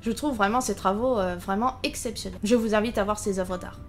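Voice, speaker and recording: A woman's voice: medium pitch, a little fast, soft background music. A woman hosting her own VTuber video, giving chatty, opinionated commentary with frequent fillers. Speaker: VTuber host. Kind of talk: scripted vlog commentary.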